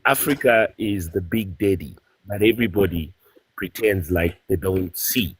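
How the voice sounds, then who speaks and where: A man's voice: sits low, normal speed, breathy edge, no room sound. A man arguing firmly as a caller in a heated live debate. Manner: argumentative, insistent.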